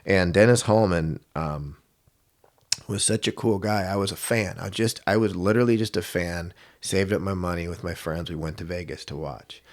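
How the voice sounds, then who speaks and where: Deep-voiced man telling a lively story. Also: normal speed. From Washington state, US. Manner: animated storyteller, acts out quotes with big pitch jumps. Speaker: MMA coach, podcast guest. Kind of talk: casual storytelling interview.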